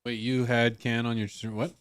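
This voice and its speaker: A man's voice: medium pitch, level tone, normal speed, clear, resonant tone, dry recording. A man streaming, chatting loosely and rambling with frequent swearing and restarts. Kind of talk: casual chat. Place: home streaming setup.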